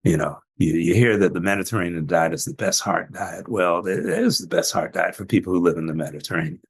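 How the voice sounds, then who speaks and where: An older man with a low, gravelly voice speaks with a husky edge. He is a doctor telling stories in a casual podcast chat and laughs often as he goes. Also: fairly quick. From Jamaican family, trained in Atlanta. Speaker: physician guest. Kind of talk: casual interview talk.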